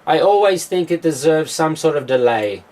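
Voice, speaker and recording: A man's voice: on the high side, animated, normal speed, darkish tone. A music producer walks through his mix in his home studio, a man with a slightly raised voice. He explains each step plainly and fills gaps with "uh" and "um" as he works. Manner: explanatory, with frequent filler sounds. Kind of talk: studio tutorial.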